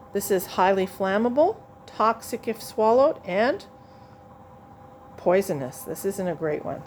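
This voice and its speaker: A woman's voice: mid-range voice, darkish tone, a little hiss or hum. A woman instructor demonstrating a lab procedure to students, chatting and thinking aloud as she works, sometimes moving away from the mic in a teaching lab.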